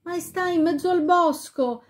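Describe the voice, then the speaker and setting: Serpentina, bambina lontana nel bosco, fatta da una donna. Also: female voice, extremely high pitch, measured pace, pitched above the performer's own voice. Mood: plaintive. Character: frightened young girl calling from the woods.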